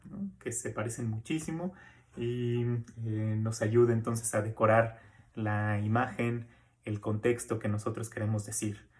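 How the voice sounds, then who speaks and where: A man giving a recorded course lecture in a relaxed, conversational way, often checking in with tag questions and fillers as he explains. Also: lowish voice, a little slow. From Mexico. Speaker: university lecturer.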